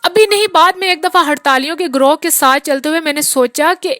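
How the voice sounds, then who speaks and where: A woman's voice: sits high, brisk, a bit bright, no echo. A woman reading the part of a weary, peasant-born man who rambles through a long, rueful account of his hard years. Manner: long rambling confessional talk.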